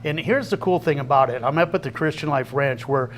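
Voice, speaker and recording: A man talking as a guest on a talk show, earnest and folksy, often pausing mid-thought. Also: mid-range voice, a little hiss or hum. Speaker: guest, outreach coordinator. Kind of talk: casual interview chat.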